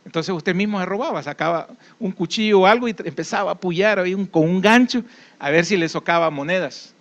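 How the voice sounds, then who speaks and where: Salvadoran guy preaching, high voice, chatty stories, muffled lo-fi sound. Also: fairly quick, a bit bright. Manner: conversational preaching with folksy anecdotes and tag questions. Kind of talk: sermon.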